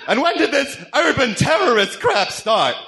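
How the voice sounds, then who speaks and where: A man's voice: very animated, moderate pace, sharp tone, slight background noise, full character voice. A man voicing a manic, petulant supervillain clown in a comic-book radio drama, theatrically whiny and indignant. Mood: indignant, scheming. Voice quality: high, swooping voice.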